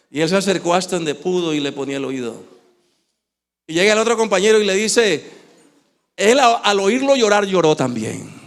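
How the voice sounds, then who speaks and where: A man with an Ecuadorian Spanish accent preaching a sermon in a church, swinging from shouting to hushed tones. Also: fairly high pitch, creaky. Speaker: pastor.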